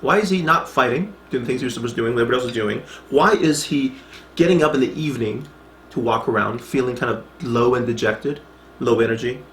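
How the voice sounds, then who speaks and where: A man leads a Bible study in a relaxed, talky lecture style, reading passages and breaking off to explain them. His voice sits at an ordinary middle pitch. The room gives it a clear echo, with a faint hum of ambience behind him. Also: fast. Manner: conversational, reads scripture aloud with asides; frequent restarts and checks like "okay?". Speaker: Bible teacher.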